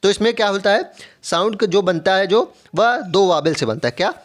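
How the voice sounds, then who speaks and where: A man's voice: high-pitched, animated, normal speed. A young adult man with an Indian English accent teaching an exam-prep lesson, asking and answering his own questions and repeating key points. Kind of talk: explanatory lesson, mixing Hindi and English.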